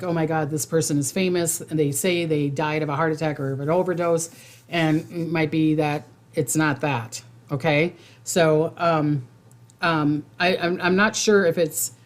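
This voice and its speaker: A woman host talking casually to her viewers, informal and rambling, repeating phrases for emphasis. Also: low-pitched. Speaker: psychic host giving monthly predictions. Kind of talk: casual livestream talk to viewers.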